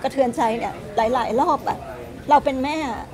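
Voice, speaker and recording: A woman in her thirties speaks with a high, earnest voice. She explains her side at length in an interview. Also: a little fast, crowd noise. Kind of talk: emotional interview.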